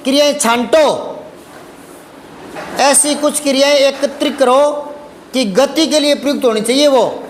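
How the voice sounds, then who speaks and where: A man's voice: very high-pitched, steady tone, a little slow, long pauses, reverberant, a little hiss or hum. A man teaching a Hindi grammar lesson to a class, patient and repetitive, often asking the students if they understood. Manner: patient, repetitive, addresses students as beta, asks checking questions.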